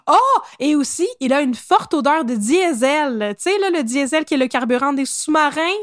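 A woman's voice: high-pitched, lively intonation, normal speed, dry recording, studio quality. A woman with a Québécois accent telling a history story on a podcast in a playful, casual way, laughing and correcting herself as she goes. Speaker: podcast co-host.

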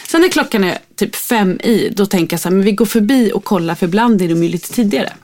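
Lively woman telling a story in casual chat. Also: medium pitch. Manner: animated, acts out voices in the story.

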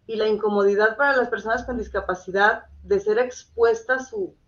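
A woman's voice: medium pitch, a little fast, highs cut off. A woman with a Mexican accent giving an earnest, detailed personal account as an interview guest. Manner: earnest, detailed storytelling, checks she is understood. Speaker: interview guest, caregiver mother.

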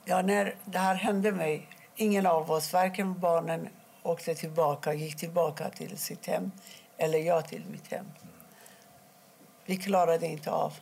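A middle-aged woman from Iran, telling her own story in an interview, quietly and haltingly, with many pauses. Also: fairly low pitch, steady tone, gravelly, breathy edge. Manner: halting, quiet and emotional, pausing often. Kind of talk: personal testimony interview.

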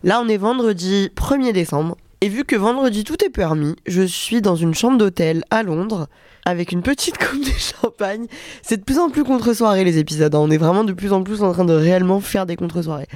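A woman's voice: medium pitch, a little fast, few pauses, darkish tone, no echo. A young adult woman hosting a podcast in a casual, rambling, self-deprecating way, with a nose blocked by a cold. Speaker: podcast host. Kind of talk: casual chatty solo monologue. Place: hotel room.

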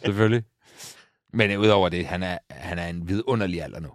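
A man's voice: low voice, dry recording, clean studio sound. A man in his thirties talking casually on a podcast, rambling with many restarts and telling stories about his young son. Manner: rambling, self-correcting, fond of his son. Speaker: podcast co-host. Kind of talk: casual chat.

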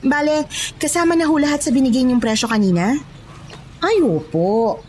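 A woman acts out a proud, chatty mother in an audio drama. Her voice is a little high and lively. Faint room noise lies underneath. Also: moderate pace. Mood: eager. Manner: polite, talkative. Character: eager proud mother at a beauty parlor.

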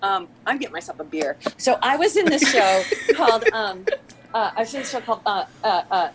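A middle-aged woman, a podcast guest, telling an animated story with laughter and acted-out quotes. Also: fairly high pitch, a little fast, noisy background. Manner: lively, laughing, acts out quoted lines. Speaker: podcast guest, theater artistic director.

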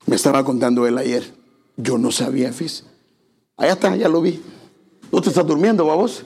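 A man's voice: mid-range voice, steady tone, moderate pace, a little mellow, husky. A male pastor preaching a conversational sermon in church, speaking directly to the congregation.

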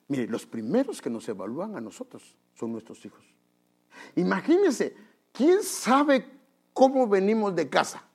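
Husky pastor guy preaching, pitch jumping all over, chatty with the congregation. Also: measured pace. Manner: animated, acts out quotes in high voices; conversational, addresses listeners as brother. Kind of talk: preaching a sermon.

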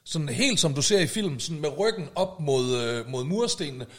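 A man telling a story in casual podcast chat, acting out shouted quotes. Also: fairly high pitch. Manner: animated, acts out shouted quotes.

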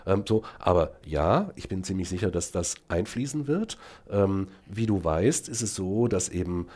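A middle-aged man speaks as a guest on a podcast, his voice sitting fairly low. He keeps stopping to hunt for words with "äh" and "ähm". Then he drives his arguments home with firm emphasis. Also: lively intonation, moderate pace, darkish tone. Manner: hesitant with many fillers, then emphatic. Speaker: guest, speech technology researcher. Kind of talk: podcast conversation.

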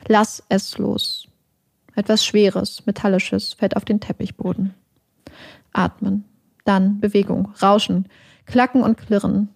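Gravelly woman narrating a somber true crime. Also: medium pitch, fairly even intonation, a little mellow, no echo. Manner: measured, somber, reads out quoted dialogue. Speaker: podcast narrator.

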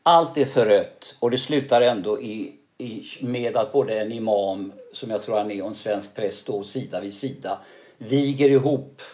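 An older actor with a lowish voice tells stories in a lively way during a casual interview. He often finishes his sentences with a questioning tag.

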